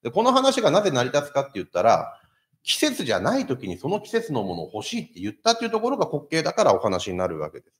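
A man's voice: on the high side, fast talker. A man preaching a sermon as pastor, asking the congregation rhetorical questions. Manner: lively, asks the listeners rhetorical questions.

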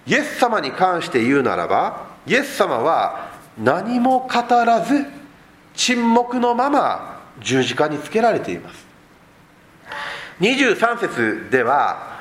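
A man preaching a sermon as a pastor, explaining the text and asking rhetorical questions of the congregation. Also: a little high. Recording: echoey room.

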